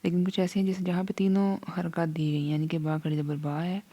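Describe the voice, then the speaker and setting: Patient female tutor, mellow low voice, slow steady drills. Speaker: Quran reading teacher. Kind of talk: online lesson.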